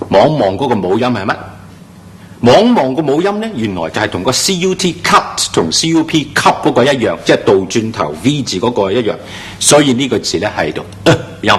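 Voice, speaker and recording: Slowly elongating each model word, a male English pronunciation teacher works through a classroom-style lesson. His pitch is animated and his tone emphatic.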